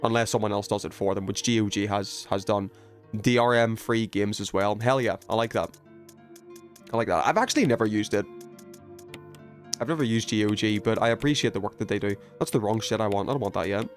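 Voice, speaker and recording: Over soft background music, a gaming streamer speaks a bit quickly in a fairly low voice. He meanders and muses aloud while casually chatting with his audience and reading out their messages.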